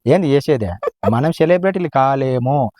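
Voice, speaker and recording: In a comic village skit set outdoors, the husband banters with his wife from his seat on a rock, rambling and teasing theatrically. His voice is medium-pitched, mellow, and expressive, at a moderate pace with no room sound.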